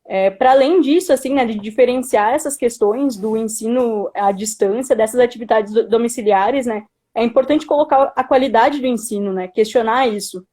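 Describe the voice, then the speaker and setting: A woman's voice: a little high, mellow. A young Brazilian woman giving informal political commentary as a student activist, speaking earnestly and hesitantly with frequent tag questions. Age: young adult.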